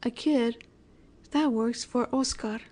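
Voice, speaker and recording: In a scripted audio roleplay addressed to the listener, a woman plays a flirty, menacing, self-assured mafia boss. Her fairly high, mellow voice stays composed and sly, coy and teasing, deliberate, and sometimes breathy.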